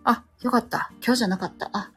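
A woman's voice: fairly high pitch, steady tone, fast talker, fairly bright tone, slightly rough, faint music behind. A woman with a Kansai accent, a stay-at-home mother chatting casually and self-deprecatingly on her own show, often losing her train of thought. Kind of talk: casual solo chat.

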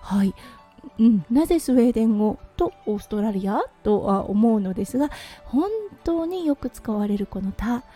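A Japanese woman hosts her casual solo audio show in a very mellow, slightly husky voice, pitched a little high. She talks in a chatty way, sprinkling in little fillers, with faint music playing behind her. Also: lively intonation, moderate pace. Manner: chatty, frequent "ne" and "hai" fillers. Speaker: podcast host. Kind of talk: casual solo radio talk.

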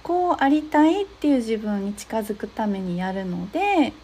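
A young woman talking through advice in a gentle, step-by-step way, often pausing on soft fillers. Her voice is fairly high, with a dark, mellow tone. There is a breathy, husky edge to it. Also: big pitch swings. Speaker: podcast host giving advice to therapists. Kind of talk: casual advice talk.

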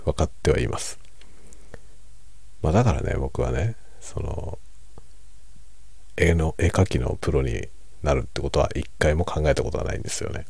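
A middle-aged man talks softly and casually over a late-night drink. His voice is extremely deep and husky, recorded close and dry. He muses without hurry and gently puts himself down. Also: no room sound. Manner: hushed, unhurried, musing, self-deprecating; relaxed monologue while drinking alcohol. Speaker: streamer.

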